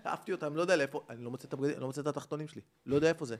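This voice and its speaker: A man, a comedian, telling a comic story in casual chat and acting out the people in it. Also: a little high. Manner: animated, acts out the people in his story. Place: rooftop.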